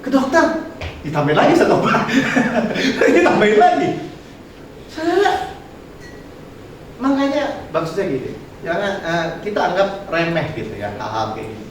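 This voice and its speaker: Pastor, male, high-pitched and swinging, heard from far off in a booming hall. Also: moderate pace, pauses often, a little hiss or hum. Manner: animated and colloquial, mixing English words. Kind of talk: sermon. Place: church hall.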